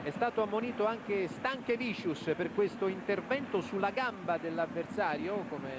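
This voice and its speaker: A man's voice: high-pitched, moderate pace. A man giving live play-by-play football commentary as a match commentator. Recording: loud outdoor stadium noise. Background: loud outdoor stadium ambience.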